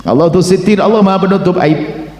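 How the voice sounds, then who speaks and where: A man delivers an impassioned sermon, his fairly high voice rolling around a large hall with a long, ringing reverb. He slips into hushed asides and acts out voices in a story, then builds up to shouting. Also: fast talker. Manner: acts out dialogue in a story, swings from quiet to shouting. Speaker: preacher.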